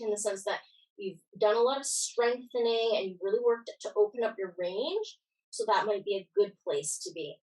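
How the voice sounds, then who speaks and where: A woman's voice: mid-range voice, darkish tone, recorded from a distance, poor audio. A woman giving casual, reassuring yoga class instruction, guiding and encouraging as she goes.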